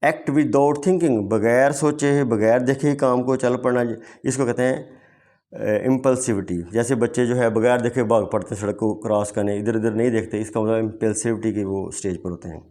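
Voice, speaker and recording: A male teacher giving an exam-prep lecture. He reads each English question slowly, then explains it quickly. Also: mid-range voice, steady tone, a little mellow. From Pakistan.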